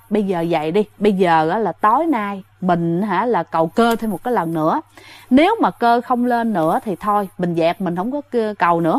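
A woman's voice: mid-range voice, a little mellow, dry recording. A woman telling a ghost story in a casual, chatty way, often speaking to her listeners directly. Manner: chatty, addresses listeners directly, many fillers.

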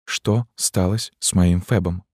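A man with a deep voice reading an audiobook and voicing a proud, furious young woman prisoner who swings from icy coldness to screaming rage. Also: fairly even intonation, slow pace, darkish tone, dry recording, clean studio sound. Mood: cold. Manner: cold, then screaming in rage.

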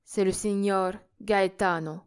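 A woman voicing a hypnotized prince who gives slow, halting answers in a trance in an audiobook. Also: mid-range voice, steady tone, clean tone, lightly acted. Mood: entranced. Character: hypnotized prince, grown man, dazed and obedient.

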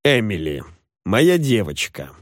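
A hot-tempered old gentleman, voiced by a male narrator blusters gruffly, his pitch swinging widely. He speaks as an older man used to being obeyed. The recording is close and dry. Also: big pitch swings, normal speed, no room sound. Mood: reproachful.

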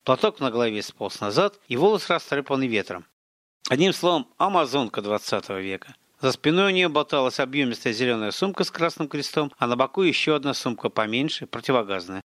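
Male narrator for an audiobook, steady and even read, dry booth sound. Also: medium pitch, fairly quick, dry recording. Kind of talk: scripted narration.

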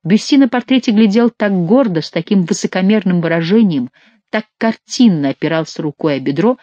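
An audiobook narrator reading a historical novel in an expressive, theatrical way. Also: mid-range voice, fairly quick, no room sound, muffled recording.

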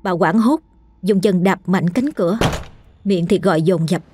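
A woman narrating a scripted ghost story in a steady, measured storytelling manner. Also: lowish voice, noisy background.

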